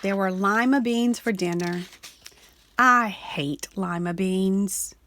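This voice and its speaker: A woman reads a children's picture book aloud in an animated storytelling style, slowing down and sinking low whenever the refrain repeats.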